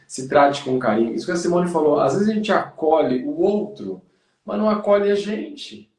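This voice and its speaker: A man's voice: on the high side, lively intonation, normal speed, darkish tone, echoey room, far from the mic. A man with a Brazilian Portuguese accent, a podcast host and running coach, chatting casually in a motivational, encouraging way. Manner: motivational, addresses listener as "cara".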